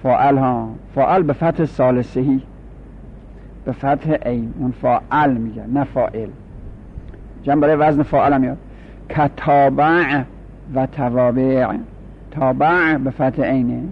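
A man teaching a grammar class, explaining slowly and repeating each form for his students. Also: medium pitch, steady tone, vocal fry. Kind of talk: classroom lecture. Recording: dull lo-fi recording with faint hum.

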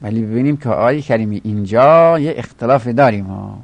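A man's voice: medium pitch, creaky, dull audio. A man teaching a grammar lesson, explaining step by step and chanting word forms aloud.

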